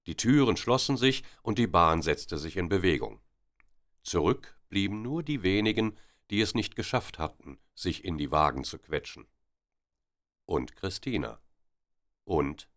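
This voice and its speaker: A man reading a story aloud with expressive, dramatic narration. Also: low voice.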